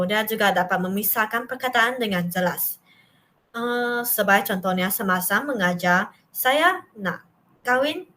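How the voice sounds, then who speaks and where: A young woman student giving a class presentation, reading from notes with hesitant pauses and restarts. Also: medium pitch, pushed and bright.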